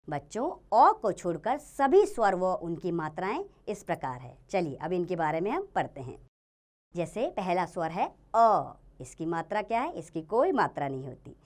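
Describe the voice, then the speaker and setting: A woman teacher giving a grammar lesson to young children, sounding out letters and words slowly and asking them questions she then answers herself. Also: mid-range voice. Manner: slow, sounding out each letter and word.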